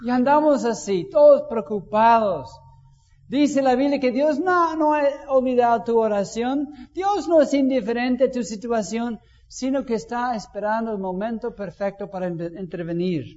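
A high-pitched man preaches a sermon, talking to his listeners as if in conversation and throwing questions at them. His voice rings through a hall with a long echo, and the recording sounds dull and muffled. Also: moderate pace, a little mellow. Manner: conversational, asks the congregation questions and acts out prayers.

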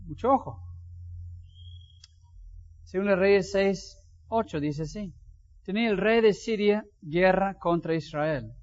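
High-voiced pastor preaching in a hall. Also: male voice, slow, long pauses. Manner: animated, anecdotal storytelling. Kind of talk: sermon. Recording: dull lo-fi sound with long hall reverb.

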